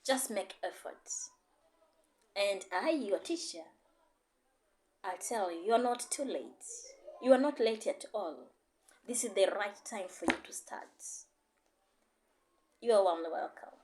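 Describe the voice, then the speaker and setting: Taking it slowly with long pauses, a Tanzanian woman teaching Swahili and English leads an online lesson in an encouraging, repetitive way, switching between the two languages. Her voice is medium-pitched, expressive and a little mellow, over slight background noise.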